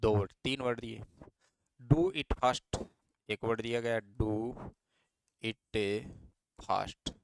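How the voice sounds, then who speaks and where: A man's voice: on the low side, level tone, takes it slowly, creaky, slight background noise. A man teaching a reasoning lesson for exam students, patient and repeating each step as questions to his students.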